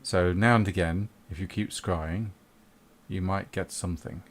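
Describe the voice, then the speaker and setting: A man voicing a stern male mage provost who speaks formally and with measured hesitations. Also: low voice, steady tone.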